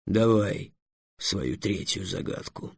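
Man doing a gravelly grumbling old dragon. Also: animated, no echo, full character voice. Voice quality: deep gravelly drawl. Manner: slow, brooding, muttering. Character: grumpy, gloomy old male dragon. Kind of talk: audiobook character voice.

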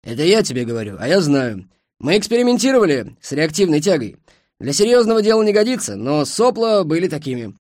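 A man's voice: on the high side, big pitch swings, fairly quick, a little mellow, no room sound, studio quality, voice pushed up. A man voicing a wry old machinist.

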